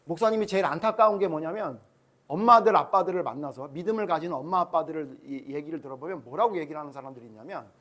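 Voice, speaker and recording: High-voiced pastor preaching to children. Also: male voice, fast, a bit bright. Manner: chatty, keeps quizzing the kids with questions. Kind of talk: children's Sunday school sermon.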